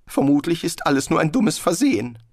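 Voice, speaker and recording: A man's voice: on the high side, big pitch swings, brisk, no room sound, studio quality, pitched above the performer's own voice. A man reading an audiobook, voicing a nervous, bluffing male wizard who defends his pride with flustered bluster. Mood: weary.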